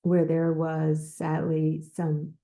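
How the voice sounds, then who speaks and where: A woman hosting a podcast, giving advice in an unscripted talk, speaking slowly with pauses and repeated words. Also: low voice, monotone, warm tone. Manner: slow, repetitive, with pauses and restarts. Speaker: podcast host.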